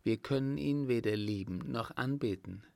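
A man's voice: medium pitch, moderate pace, vocal fry, mellow, no echo, studio quality, close to an everyday voice. A man reading an earnest young French mademoiselle.

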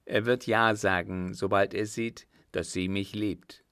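A man voicing a young man in love, earnest and determined, in his own plain low voice. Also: steady tone, unhurried, a bit bright, clear, resonant tone, no room sound, clean studio sound.

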